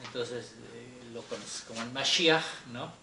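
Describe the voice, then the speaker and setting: Slow, patient male Hebrew teacher. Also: mid-range voice, vocal fry, sharp tone. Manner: slow, patient, checks in with students often. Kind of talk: explaining a Torah class. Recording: echoey room with faint noise.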